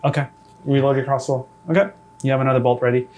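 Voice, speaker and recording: A man running a tabletop game as dungeon master, relaxed and hesitant, laughing easily. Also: mid-range voice, fast, a little hiss or hum. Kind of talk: casual tabletop game chat.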